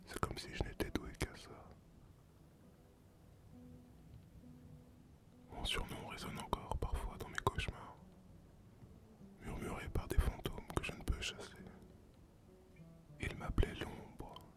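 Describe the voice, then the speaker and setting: A performer whispers the part of a solitary former pirate now captaining a ship, breathy and unvoiced, in a voice close to everyday pitch. The mood is brooding and confiding, and the story unfolds slowly and poetically, spoken straight to the listener.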